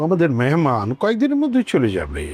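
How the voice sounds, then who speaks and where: A man's voice: on the high side, wildly swooping pitch, fast, a little mellow. An actor playing an easygoing, middle-aged father who placates his wife and daughter. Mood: placating. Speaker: father and husband. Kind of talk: TV drama acting.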